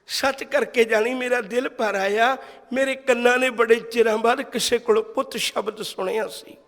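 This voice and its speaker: A man's voice: very high voice, fairly even intonation, normal speed, a bit bright. A man quoting an orphaned young boy, speaking in an earnest, heartfelt way, in a hall. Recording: long hall reverb.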